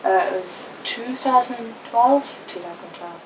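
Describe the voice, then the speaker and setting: A woman's voice: a little high, a little mellow. Young woman yapping casually, mic kinda far, bit of hiss. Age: young adult. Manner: chatty storytelling, quick asides. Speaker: YouTube co-host. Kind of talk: casual chat. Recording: distant mic with faint noise.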